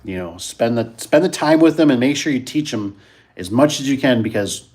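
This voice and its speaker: A man's voice: mid-range voice, animated, moderate pace, darkish tone, husky. A man chatting casually as host of a live stream, rambling and repeating himself while reacting to viewers.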